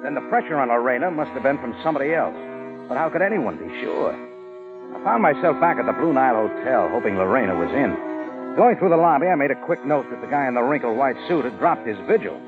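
An actor plays a hard-boiled private eye in an old radio drama, terse and dry, with a lively, swinging pitch. Music plays behind the old broadcast. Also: male voice, fairly quick, narrow, tinny audio, lightly acted. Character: tough hard-boiled male private detective narrator. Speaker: lead and narrator. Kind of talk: 1940s radio drama narration.

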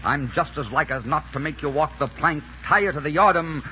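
A man's voice: fairly high pitch, brisk, bright, forceful tone. An actor playing a bold pirate captain who gives firm orders and teases his captives, in an old radio drama. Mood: commanding. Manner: authoritative, teasing. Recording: hissy, muffled old radio recording.

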